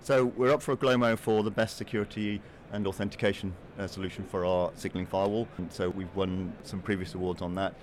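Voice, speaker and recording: A man's voice: low voice, fairly even intonation, fast talker, few pauses, slight background noise. A man speaking as an industry expert in an interview, explaining technical matters.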